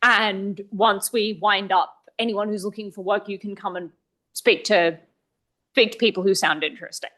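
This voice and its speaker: A woman's voice: medium pitch, fairly even intonation, normal speed, fairly bright tone. A woman hosting a tech meetup, making chatty, lightly joking announcements to a live room. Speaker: meetup host. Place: meetup venue, live audience.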